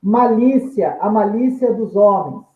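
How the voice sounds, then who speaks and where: A man's voice: high-pitched, measured pace. A male teacher, giving a recorded grammar lesson in a methodical way, restating each term with synonyms and drawing out example words. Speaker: Portuguese teacher. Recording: echoey room, tinny phone-like sound.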